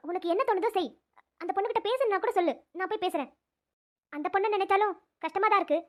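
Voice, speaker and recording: A woman's voice: very high voice, fast, darkish tone. A woman voicing an earnest young female doctor in a cartoon, speaking persuasively. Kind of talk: cartoon voice acting.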